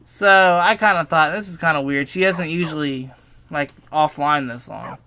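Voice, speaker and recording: This storytime narrator is a young adult man sharing a personal tale casually, partly from a script, with informal self-deprecating remarks and a bit of swearing. His voice runs high, sharp, clear, and resonant, at a moderate pace.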